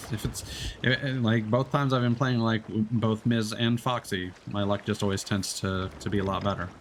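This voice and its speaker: A man streams a game and chats casually, explaining fishing tips in a rambling, hesitant way full of fillers and restarts. His voice is lowish and steady at a normal speed, with faint background noise.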